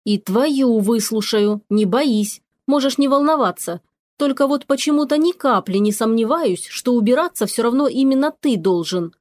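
A woman's voice: a little high, lively intonation, moderate pace, darkish tone, close to an everyday voice. A woman voicing a stern witch, the mistress of the house, scolding and giving orders, in a storybook reading. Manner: scolding, commanding.

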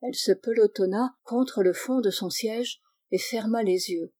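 A woman reading a story aloud in a steady, even narration. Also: medium pitch, unhurried. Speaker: audiobook reader. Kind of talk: scripted narration.

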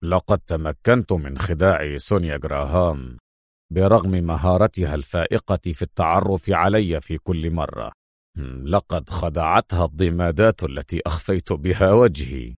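A self-assured male intelligence colonel, played by a man speaks in a low, even tone, sounding dry and close to the mic. His calm, wry confidence carries through every line. It is the unshaken hero of a spoken spy story. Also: normal speed, no room sound, lightly acted.

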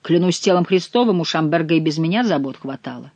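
A woman's voice: sits low, lively intonation, fast, a little mellow, no echo. A woman reading as an outraged young courtier. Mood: bitter. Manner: indignant, complaining. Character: ragged male courtier, indignant.

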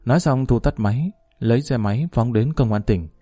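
A man narrating a spoken story in a steady, even storytelling manner. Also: medium pitch, fairly quick, no echo, faint music behind.

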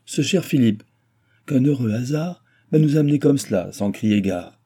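A man's voice: medium pitch, expressive, moderate pace, warm tone, husky, voice pushed up. A man reading an audiobook, voicing an old, skeptical, blustering nobleman with a sarcastic manner.

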